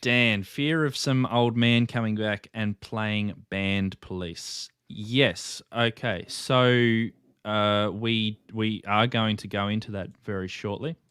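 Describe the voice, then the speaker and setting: A man's voice: on the low side, steady tone, slow, fairly bright tone, clean tone, no echo, studio quality. A man co-hosting a ham radio livestream, chatting casually, chuckling often and reading viewer comments aloud. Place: home room at night.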